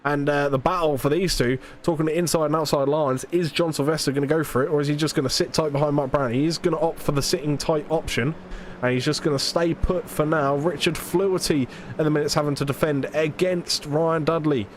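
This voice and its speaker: A British man, alone on commentary for a live sim race, has a highish voice with fairly even intonation and slight background noise behind him. Hay fever stuffs up his voice a bit, and he rattles off chatty, self-deprecating play-by-play with plenty of fillers.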